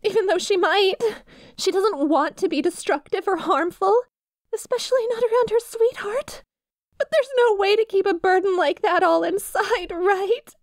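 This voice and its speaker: An actress voices a lovesick young woman in an intimate ASMR roleplay, using a high, sweet voice at a moderate pace. Nervous and clingy, she swings between tender pleading and quiet menace, sounding strained and resentful. The recording is very dry, with no room sound at all.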